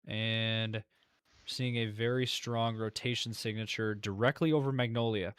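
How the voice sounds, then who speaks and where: A man's voice: lowish voice, fairly even intonation, a little slow, a bit bright, clear, resonant tone, dry recording. Man, live weather host, clean resonant voice, dry sound, concerned commentary, repetitive. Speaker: severe weather livestream host. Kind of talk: live storm coverage commentary.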